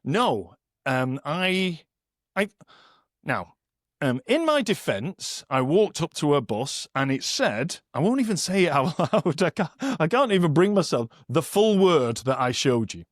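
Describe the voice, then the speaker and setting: A man's voice: fairly high pitch, very animated, unhurried, no echo, clean studio sound. A middle-aged man, hosting a podcast and telling jokey stories with a laugh. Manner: jokey storytelling, laughs at his own stories. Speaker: podcast host. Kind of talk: casual chat.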